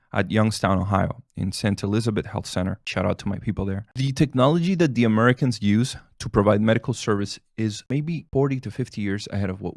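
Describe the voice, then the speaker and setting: A man in his thirties, a family doctor and native Spanish speaker, casually rambles through answers to camera, chuckling and restarting. His low, creaky voice is captured in clean studio sound with no room sound.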